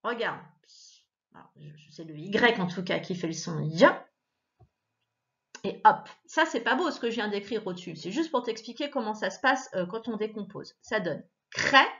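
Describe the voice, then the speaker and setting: A woman teacher giving a child a reading lesson, patiently sounding out syllables and repeating words, her pitch jumping up when she stresses a point. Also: animated, normal speed, fairly bright tone, highs cut off. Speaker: primary school teacher.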